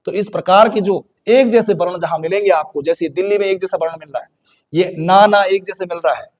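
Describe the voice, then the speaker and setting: A man with an Uttarakhand Hindi accent teaches a grammar lesson in a fairly high voice. He repeats each key phrase and answers his own questions, and calls his learners "bhai" and "ji". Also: darkish tone.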